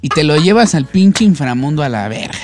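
A man's voice: on the high side, big pitch swings, a little fast, very noisy. A man with a Mexican accent putting on an angry, bossy male god who barks crude orders. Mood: furious. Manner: shouting, crude.

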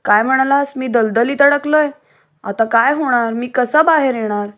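Lady doing a scared little wolf in a kids story, whiny, high and teary. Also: moderate pace, natural voice. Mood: wailing. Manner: pleading, tearful and high. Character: young male wolf, scared, stuck in mud.

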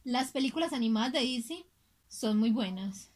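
High-voiced woman telling gossip. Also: animated, normal speed, a little mellow. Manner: chatty, gossipy storytelling. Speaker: podcast co-host. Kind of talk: casual chat.

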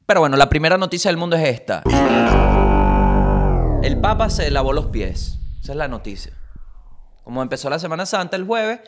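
A man's voice: on the high side, sing-song, brisk, pauses often, loud music behind the voice. A young man hosts a comedy podcast, telling stories as a monologue, swearing freely and acting out quotes in jumpy voices. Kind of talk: comic monologue.

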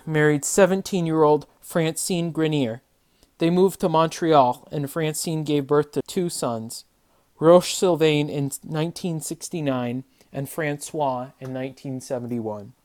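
A true crime narrator hosting a podcast, reading a scripted story in a measured way. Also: medium pitch, a little mellow.

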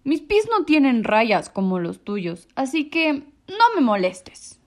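A woman voicing a grumpy female walrus who slowly grumbles and dismisses a small bird, in a storybook reading. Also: sits high, big pitch swings, exaggerated voice.

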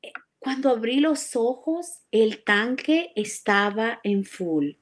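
A woman with a fairly high voice gives a heartfelt church testimony in an earnest, emotional way. She circles back and repeats phrases as the memories come to her. She calls her listener "brother" as she speaks. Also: animated, slow pace. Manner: earnest and emotional, often addresses the listener as "hermano"; repeats and restarts phrases as she recalls events. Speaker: church member giving a testimony. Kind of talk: live religious testimony.

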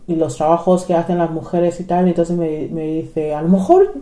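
A woman's voice: lowish voice, normal speed. A middle-aged woman from Nigeria, speaking Spanish as a second language, chatting casually as a podcast guest and acting out the people in her stories, with many fillers. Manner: animated storytelling, acts out quoted people, many fillers. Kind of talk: casual conversation. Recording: echoey room.

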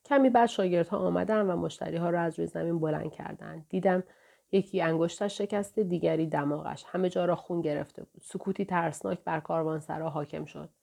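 A woman narrating a novel aloud in a steady, measured way, in the first person. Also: on the low side, vocal fry. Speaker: audiobook narrator.

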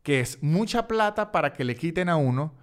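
A man's voice: fairly high pitch, lively intonation, moderate pace. A young Venezuelan man hosting a podcast, telling a story casually, acting out the voices and repeating words for comic effect. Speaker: podcast host.

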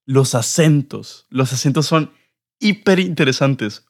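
A man's voice: mid-range voice, animated, unhurried. A young man with a northern Mexican accent and a mid-range voice. He talks like a podcast co-host in a casual chat, informal and full of slang, swearing freely.

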